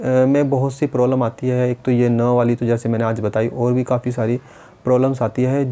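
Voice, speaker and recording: A man's voice: mid-range voice, warm tone. A man teaching a speech-therapy lesson, patiently demonstrating and repeating sounds step by step.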